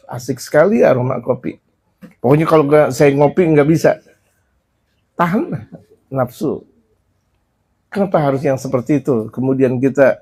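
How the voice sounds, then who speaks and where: Male preacher, fairly high voice, lively sermon style, Arabic recitation mixed with chatty asides. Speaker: Islamic preacher. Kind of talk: sermon teaching a religious book.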